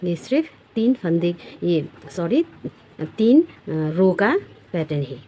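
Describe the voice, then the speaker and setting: A woman's voice: fairly low pitch, big pitch swings, slow pace, mellow, slight background noise. A woman teaching a knitting pattern step by step, counting stitches aloud and repeating herself as she shows each row. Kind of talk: step-by-step craft tutorial.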